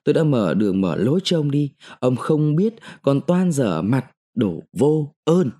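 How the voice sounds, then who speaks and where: A male narrator voicing a sharp-tongued, defiant mandarin's wife who scolds and taunts her husband. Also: mid-range voice, very animated, measured pace.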